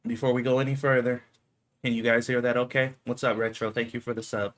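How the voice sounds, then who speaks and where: A man's voice: mid-range voice, level tone, fast, fairly bright tone, faint music behind. A man co-hosting a live stream in loose, slangy casual chat, laughing often.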